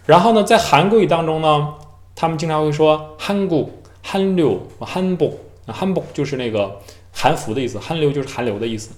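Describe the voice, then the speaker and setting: A man who teaches Chinese, talking casually and mimicking how his students pronounce words. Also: on the high side. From mainland China. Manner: lively, imitates students' careful tones and slow syllables. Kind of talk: casual talk to camera. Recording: echoey room.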